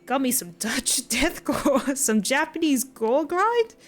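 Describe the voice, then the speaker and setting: A woman's voice: high-pitched, very animated, slow, slight background noise, voice pushed up, exaggerated voice. A woman reading out a rowdy, folksy man who loves death metal, in a put-on American drawl. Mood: boastful.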